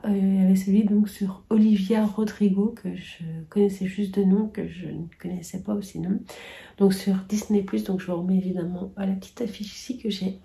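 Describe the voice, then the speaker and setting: Middle-aged woman vlogger, casual and halting, very dark tone, gravelly. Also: medium pitch. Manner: hesitant, many fillers, drifting into whispers. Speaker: booktuber sharing yearly favourites. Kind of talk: casual talk to camera.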